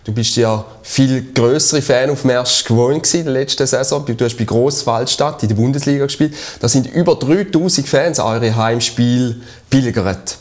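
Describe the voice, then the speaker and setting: A man in his thirties with a Swiss accent, interviewing as host of a sports show in a studio. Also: mid-range voice. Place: small TV studio. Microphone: lapel.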